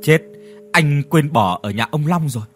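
A man's voice: on the high side, lively intonation, normal speed, soft background music, lightly acted. A man voicing a worried middle-aged village father who speaks earnestly and pleads.

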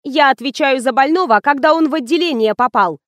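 A woman's voice: high-pitched, brisk, a bit bright, dry recording, clean studio sound, voice pushed up. A woman reading an audiobook, voicing a young, sulky, snappish nurse with a whiny, rude manner. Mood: snapping. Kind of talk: audiobook character voice.

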